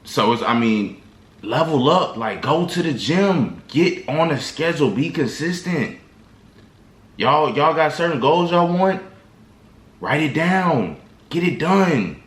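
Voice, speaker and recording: Speaking slowly in a fairly high, expressive voice, this male vlogger gives his viewers motivational advice straight to camera. His talk is casual and slangy, wandering loosely with plenty of restarts, and the room echoes.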